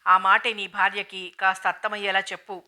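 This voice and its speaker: A woman voicing a stern, dignified matriarch who speaks in a calm, grave and measured way, in an audiobook novel reading. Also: mid-range voice.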